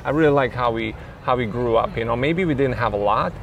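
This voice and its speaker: Man, croatian accent, rambling, thoughtful, mid pitch, faint outdoor noise. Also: a little fast, gravelly. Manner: thoughtful, rambling, many fillers and restarts. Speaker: tennis coach. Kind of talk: casual interview.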